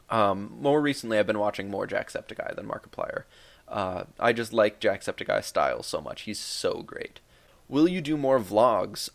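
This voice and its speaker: A YouTube gaming creator in his twenties fields viewer questions in a loose, joking vlog, rambling along with plenty of fillers. His voice sits on the lower side and has a creaky quality.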